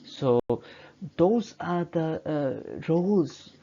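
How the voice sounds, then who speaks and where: A man's voice: on the high side, expressive, very slow, vocal fry, dark tone, husky. A male teacher whose first language is Bengali, narrating a slideshow lecture in a hesitant way, with many fillers and restarts. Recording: slightly dull lo-fi audio.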